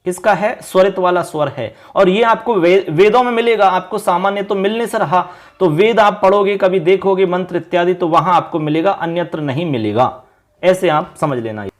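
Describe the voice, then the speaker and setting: A man's voice: high-pitched, normal speed. A man from India explaining grammar in an online class, patiently repeating points and checking that his students follow. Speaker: Sanskrit grammar teacher.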